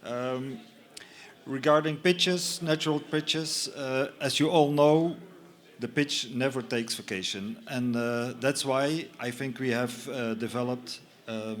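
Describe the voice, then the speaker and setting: This is a non-native English speaker from Belgium, a man presenting at a conference in a stadium's lounge. He has a mid-range voice and a slow, halting delivery packed with fillers and false starts.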